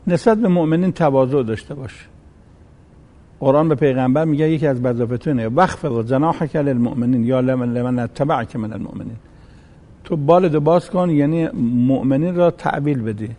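A man's voice: medium pitch, warm tone. A man preaching a sermon, reciting Arabic verses and acting out the voices in a folk story.

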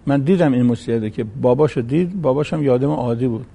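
A man's voice: medium pitch, creaky, mellow, breathy edge. A man preaching a sermon, reciting Arabic verses and acting out the voices in a folk story.

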